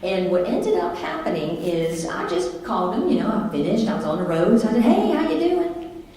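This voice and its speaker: A woman's voice: lowish voice, fairly quick. Middle-aged woman, motivational speaker, chatty storytelling, very echoey hall. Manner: lively, conversational, animated. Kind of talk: storytelling keynote talk.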